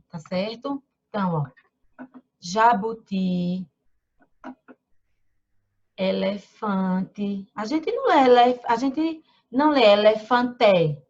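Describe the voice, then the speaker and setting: A woman teaches small children over a muffled computer mic. She speaks slowly and patiently, her slightly high voice rising and falling in a lively sing-song. She stretches out syllables as she sounds out words. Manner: slow, patient, sing-song teacher talk with frequent tag questions. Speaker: primary school teacher. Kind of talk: online lesson for young children. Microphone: computer mic during screen share.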